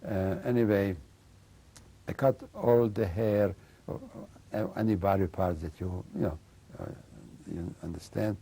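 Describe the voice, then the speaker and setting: Older man, gravelly and halting. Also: low-pitched, steady tone, mellow. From Slovakia and Hungary. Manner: halting, searching for words, frequent "you know". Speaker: interviewee recounting memories. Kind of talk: oral history testimony.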